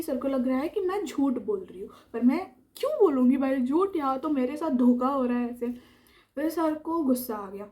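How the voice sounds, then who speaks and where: A young woman chattily telling a school story as a vlogger, animatedly acting out what people said. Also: high voice. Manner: chatty, animated retelling that acts out the quoted lines. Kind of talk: casual storytime narration.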